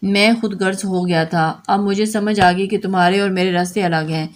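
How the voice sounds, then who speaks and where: A woman's voice: mid-range voice, steady tone, moderate pace, natural voice. A woman reading as a pleading lovesick young man. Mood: sorrowful.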